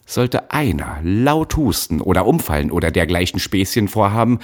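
A man voicing a brutal, bespectacled male factory overseer who shouts threats at child workers, in an audiobook. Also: low voice, big pitch swings, measured pace, breathy edge, full character voice. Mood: threatening. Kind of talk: audiobook narration.

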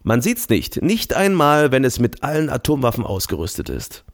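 A man's voice: mid-range voice, wildly swooping pitch, moderate pace. A man voicing an eager, scheming arms salesman in an audiobook, talking hastily and keenly. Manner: hasty and eager.

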